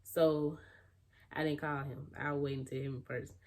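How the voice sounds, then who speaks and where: A young woman of eighteen casually telling a story to camera as a vlogger, animated and loose, with fillers and restarts, acting out what other people said. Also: low voice, a little slow.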